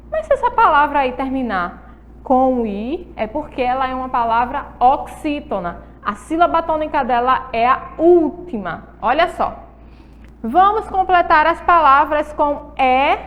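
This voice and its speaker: A woman's voice: high-pitched, fairly bright tone, long reverb tail. A Brazilian Portuguese-accented woman teaching a recorded lesson to young pupils, drawing out and repeating words in a sing-song way. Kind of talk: recorded school lesson for children.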